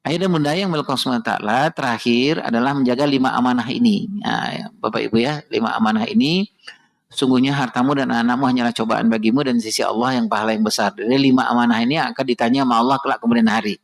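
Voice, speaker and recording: A man's voice: mid-range voice, fast talker. A middle-aged man giving an emotional storytelling sermon on parenting at a mosque, often turning to address the audience directly. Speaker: parenting speaker at a mosque study session.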